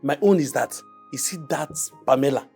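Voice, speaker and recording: A man's voice: mid-range voice, lively intonation, normal speed, vocal fry, mellow, husky, faint music behind. An actor with a Nigerian accent playing a defiant, hot-headed young man in a film drama, brash and confrontational. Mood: grumbling, stubborn.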